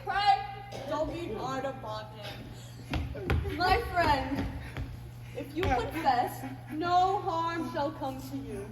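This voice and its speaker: A woman's voice: high-pitched, expressive, very slow, long pauses, exaggerated voice. A woman playing a formal, businesslike male commissioner in a stage play performance. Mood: officious. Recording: echoey theater stage from far off, noisy.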